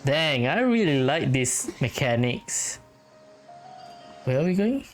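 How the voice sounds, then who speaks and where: A woman casually commenting as she plays a story game, relaxed and chuckling along. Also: low voice, slow pace. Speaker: gamer playing on a channel. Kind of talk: casual let's-play commentary. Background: game music.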